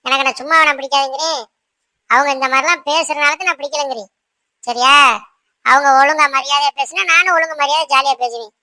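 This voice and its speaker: A woman's voice: sits high, fairly even intonation, quick pace, pushed and bright, no echo. A woman voicing a proud, stubborn young wife in a cartoon who lectures her husband and keeps asking "right?". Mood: insistent. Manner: insistent, lecturing, repeats "சரியா?". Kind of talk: cartoon voice acting.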